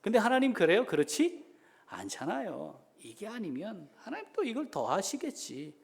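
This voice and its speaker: A middle-aged man, a senior pastor, preaching a sermon that swings between loud exhortation and soft, intimate asides. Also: sits high, huge pitch swings, normal speed, creaky.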